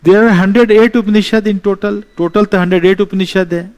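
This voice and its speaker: A man giving an exam-prep history lecture, explaining slowly, repeating key terms and mixing in English phrases. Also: sits high, steady tone, a little mellow, smooth. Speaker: teacher.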